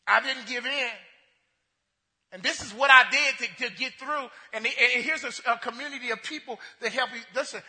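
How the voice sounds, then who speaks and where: In the long, echoing reverb of a church sanctuary, a male pastor delivers a sermon at a moderate pace. His voice is strikingly high and piercingly bright, and he stumbles through restarts and repetitions while swinging from loud fervor to quiet asides.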